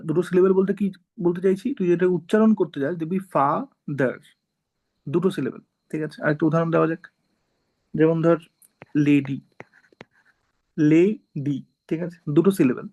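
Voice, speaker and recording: Gravelly, slightly high male teacher. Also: fairly even intonation, quick pace, dark tone, rough recording. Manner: explains step by step, often checks with "ঠিক আছে?". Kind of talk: informal classroom lecture.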